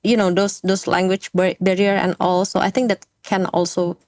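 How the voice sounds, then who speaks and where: In a casual interview, a game industry guest from Indonesia talks in English, her second language, with an Indonesian accent, frequently pausing and using fillers as she hunts for words. Her mid-range voice is level and darkish, recorded dry at studio quality.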